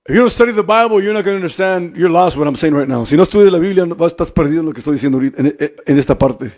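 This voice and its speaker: A man preaching a bilingual sermon as pastor, repeating phrases and rising to emphatic shouts. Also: on the high side, animated, very fast.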